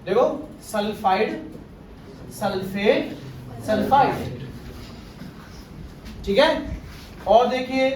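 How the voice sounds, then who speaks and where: A man's voice: extremely high pitch, slight background noise. A male chemistry teacher giving a classroom lecture, often quizzing his class with questions. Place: classroom with students. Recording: echoey room, far from mic, class murmur.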